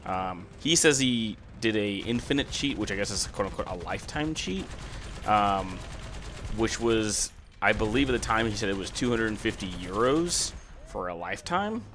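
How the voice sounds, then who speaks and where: A man with a fairly low, raspy voice talks over noticeable background rumble and noise. He delivers casual gaming commentary in a rambling way, hesitating and doubling back on his sentences. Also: animated, normal speed, a bit bright. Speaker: gaming video host.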